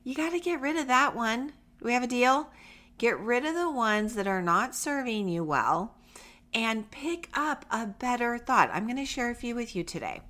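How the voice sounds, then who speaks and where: Still recovering from a cold, this middle-aged podcast host talks straight to homeschool parents, offering encouragement in a conversational, emphatic and reassuring manner. Her slightly high voice is animated and sharp-toned, at a moderate pace.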